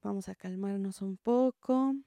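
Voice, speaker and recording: Mellow woman explaining calmly. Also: medium pitch, a little slow, vocal fry, dry recording. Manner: explains gently, acts out children's and teachers' words. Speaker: preschool teacher. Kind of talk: interview answer, calm explaining.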